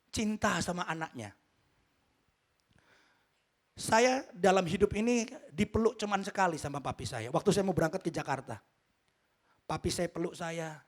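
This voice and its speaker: A male pastor preaching a sermon, telling a story and addressing the congregation directly, swinging between loud outbursts and hushed lines. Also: high-pitched.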